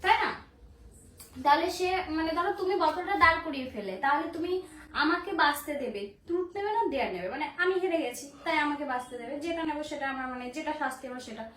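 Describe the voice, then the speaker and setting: A woman's voice: sits high, animated, fast, fairly bright tone, distant mic. A woman, chatting and teasing as she hosts a casual vlog, explaining things at length. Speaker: vlogger. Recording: echoey room with faint noise.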